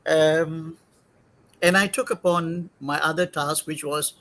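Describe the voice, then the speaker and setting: Halting older man from Singapore. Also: a little high, steady tone, fairly bright tone, poor audio. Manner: halting, many fillers and self-corrections. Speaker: interview guest. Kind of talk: career story in an interview.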